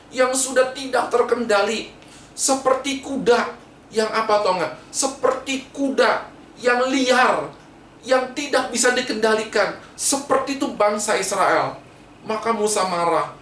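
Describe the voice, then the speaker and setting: A man's voice: high-pitched, a bit bright, slight background noise. A man, a pastor, telling a Bible story to children, asking them questions and repeating points for emphasis. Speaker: pastor teaching Sunday school. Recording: echoey room, mic far off.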